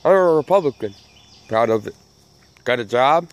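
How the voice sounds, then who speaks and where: Medium in pitch with lively intonation and a moderate pace, this channel host from the Southern United States rants his views emphatically to camera in a folksy style. He repeats his phrases often. Missing front teeth give his sibilants a slight slur.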